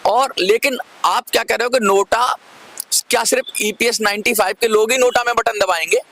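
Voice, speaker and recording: A man's voice: sits high, fairly even intonation, moderate pace, gravelly, bright, forceful tone. A man hosting a commentary video, arguing his case to viewers, repeating points for emphasis and urging them to comment. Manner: persuasive, asks viewers to comment. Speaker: channel host. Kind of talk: direct-to-camera commentary.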